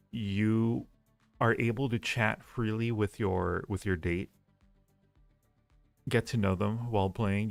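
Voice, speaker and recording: Gravelly and on the low side, this man's voice leads a casual livestream chat with viewers as he rates ideas, rambling and repeating phrases as he goes. Faint music and roomy echo fill the background.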